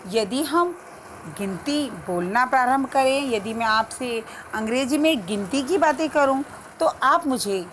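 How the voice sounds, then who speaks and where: A middle-aged woman teacher giving a grammar lesson to children, enunciating slowly and deliberately. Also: a little high. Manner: slow, deliberate enunciation, drawing out each number. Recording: faint background noise.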